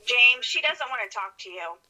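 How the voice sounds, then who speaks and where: High, bright woman giving a firm warning through a doorbell camera speaker. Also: lively intonation, moderate pace, poor audio. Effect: heard through a doorbell camera speaker. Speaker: homeowner's mother.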